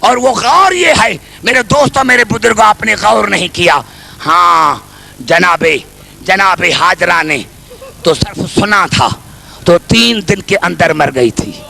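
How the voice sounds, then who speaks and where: Impassioned high-pitched man preaching a lament. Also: lively intonation, measured pace, creaky, bright, forceful tone. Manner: impassioned wailing lament, repeated cries. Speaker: Muharram orator. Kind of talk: Shia majlis sermon.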